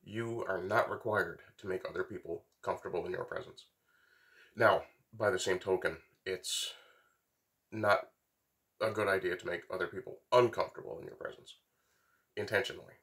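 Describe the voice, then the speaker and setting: A middle-aged man talks off the cuff in a fairly low voice. He is sick, and his nose is blocked, so he sounds stuffy and congested. His delivery is halting and rambling, with long pauses, as a vlogger speaking to camera. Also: fairly even intonation, fairly bright tone. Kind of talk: unscripted casual monologue to camera. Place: small wooden workshop, indoors.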